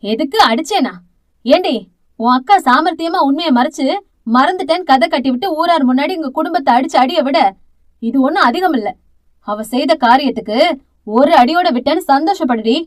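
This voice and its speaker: A woman's voice: sits high, animated, a little fast. A woman voicing a fierce, domineering middle-aged aunt who scolds with harsh contempt, in an audio novel. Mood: harsh scolding.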